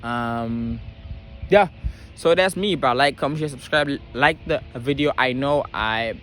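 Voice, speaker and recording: A man's voice: mid-range voice, measured pace, a bit bright, a little hiss or hum. A young man vlogging casually. He talks in slang, with a stutter and frequent restarts. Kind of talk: casual storytelling to camera.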